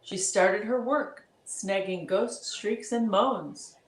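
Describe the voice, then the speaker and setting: Brief: a woman reading rhyming verse aloud, slow and measured, in an echoey room. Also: medium pitch, a little hiss or hum. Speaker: storybook reader. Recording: roomy echo.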